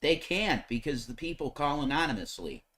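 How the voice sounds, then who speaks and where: Man co-host, casual stream chat, emphatic opinions, lively pitch. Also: moderate pace.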